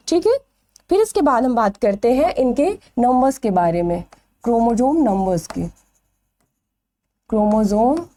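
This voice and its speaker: Woman, biology teacher, lively high voice with a mellow tone, quizzes the class and answers herself. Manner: asks questions then answers them herself, stretching key terms. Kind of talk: exam-prep lecture.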